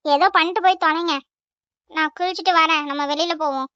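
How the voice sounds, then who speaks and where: A woman voicing a loud, rude, hot-tempered teenage daughter in a cartoon, with a Tamil accent. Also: extremely high pitch, steady tone, fast talker, no echo, muffled recording. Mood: angry. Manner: yelling, rude.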